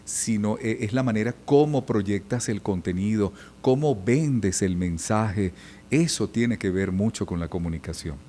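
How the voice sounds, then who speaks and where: Low-voiced man telling stories in an interview. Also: measured pace, slight background noise. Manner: storytelling, animated, imitates old radio announcers. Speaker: journalist and radio announcer guest. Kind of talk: conversational podcast interview.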